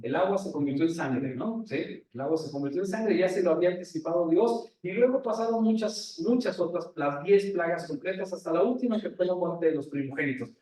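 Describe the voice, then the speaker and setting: A man's voice: high voice, fairly quick, hardly any pauses, mellow, distant mic. A male pastor preaching a sermon who tells the story, asks the congregation questions and checks in with them often. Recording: very echoey room, voice from afar.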